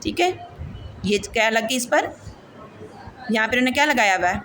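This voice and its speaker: A woman's voice: on the high side, lively intonation, a bit bright, slight background noise. A woman with a Pakistani Urdu accent teaching an online Quran recitation lesson, patiently drilling letters and vowels and quizzing her pupils. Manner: patient, repeats and asks the class questions.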